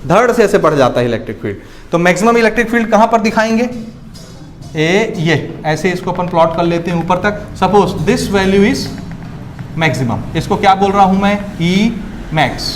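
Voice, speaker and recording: A male physics teacher lecturing at a board. He keeps asking whether his students understood, and he drops low and soft when he answers his own questions. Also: expressive, moderate pace, slight background noise.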